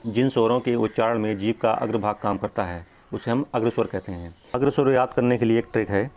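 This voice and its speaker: Brief: male teacher, fairly low voice, patient step-by-step explainer, draws out example sounds, frequent check-ins. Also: brisk, darkish tone. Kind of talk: exam-prep grammar lesson.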